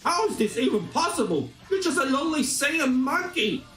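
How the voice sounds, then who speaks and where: A man voicing a small, pudgy, hot-tempered male alien psychic who yells venomously. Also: animated, fairly quick. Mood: furious. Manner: shrill yelling, venomous. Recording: roomy distant voice, faint music.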